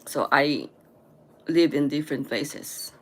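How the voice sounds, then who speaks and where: Slow-talking woman, halting. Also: low-pitched, animated, vocal fry, slightly rough. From Philippines. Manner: halting, searching for words, self-correcting. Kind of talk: casual chat.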